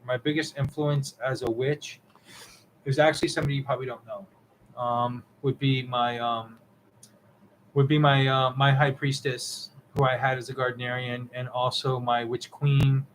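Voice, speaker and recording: A young man in a casual live stream Q&A, reading out viewer messages one after another. His voice sits at an ordinary middle pitch, and he rambles with plenty of ums. A faint hiss runs under it. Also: poor audio. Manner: rambling, reads chat messages aloud, many ums. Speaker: co-host of a witchcraft live stream.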